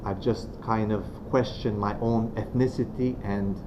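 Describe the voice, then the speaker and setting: This is a fairly low-voiced Romanian man giving a faith talk to students as a guest speaker. He is soft-spoken and slow, often pausing and using fillers, and the venue microphone recording sounds dull, with noticeable background noise throughout.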